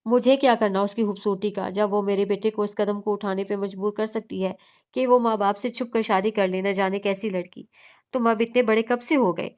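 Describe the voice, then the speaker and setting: A woman's voice: mid-range voice, steady tone, normal speed, lightly acted. A woman reading the lines of an angry mother who dotes on her grown son. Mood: scolding. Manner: scolding and loud.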